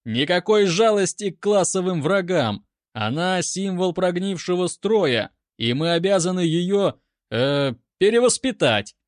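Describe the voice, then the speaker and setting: A man's voice: high voice, big pitch swings, measured pace, voice pushed up. A man voicing a swaggering revolutionary commissar who barks slogans and declaims with mock irony. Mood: declaiming. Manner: barking, declamatory, mock-ironic.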